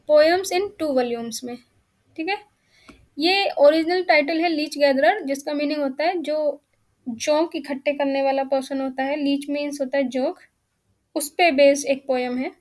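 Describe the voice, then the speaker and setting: High-voiced Indian woman teaching. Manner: explains step by step, reads English questions slowly. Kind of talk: exam-prep lecture.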